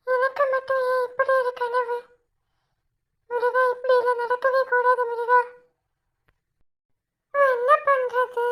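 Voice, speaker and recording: A woman's voice: very high-pitched, a bit bright, exaggerated voice. A woman voicing bickering, easily frightened young village women in a cartoon, with a Kanyakumari Tamil accent. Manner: squabbling, shrieking.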